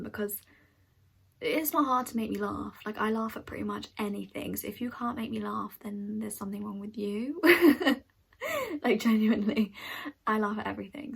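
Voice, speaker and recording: A woman's voice: medium pitch, vocal fry, slightly rough, poor audio. A young woman vlogger chatting casually to camera in a Q&A, frank and full of fillers. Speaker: beauty vlogger.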